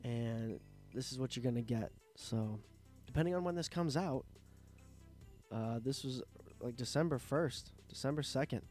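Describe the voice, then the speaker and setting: A man's voice: mid-range voice, normal speed, a little mellow, faint music behind. A man hosting his own podcast, sick with a sore throat and a nasal voice, rambling and swearing in a casual monologue. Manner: rambling, profane, self-interrupting. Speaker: podcast host. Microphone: studio microphone.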